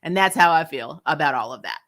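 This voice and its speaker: A woman with a low-sitting, slightly bright voice and lively intonation speaks briskly. She hosts a channel recapping TV shows, giving a casual and opinionated take that is blunt, exasperated, and full of swearing, with points stressed by repetition.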